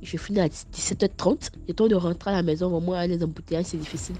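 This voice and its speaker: With a fairly low pitch and a fast delivery, a young Ivorian woman speaking French with an Ivorian accent chats to her viewers in a casual storytime vlog. She stammers animatedly and flips between scolding and storytelling.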